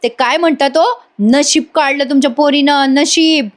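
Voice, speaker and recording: Woman voicing a loud, cheeky village girl, high and bright, brash. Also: moderate pace, close to an everyday voice. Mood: chatty.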